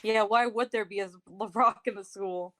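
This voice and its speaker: A woman's voice: medium pitch, fairly even intonation, a little fast, sharp tone, no echo, studio quality, natural voice. A woman voicing a sneering, mocking punk rocker teenage girl in a tabletop role-play.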